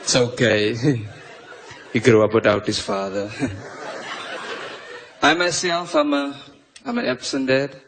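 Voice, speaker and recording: A South African man doing a stand-up comedy set, delivering punchlines deadpan and mock-confessional into a stage mic. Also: mid-range voice, slow pace, pauses often. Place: comedy stage before a live audience. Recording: live show with clear audience noise.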